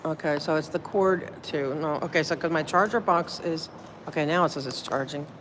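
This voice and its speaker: In a low voice at a moderate pace, a woman who livestreams city meetings chats casually from the hallways and elevators of a public building. Her noisy phone stream carries her rambling, out-loud thinking and thanks to viewers.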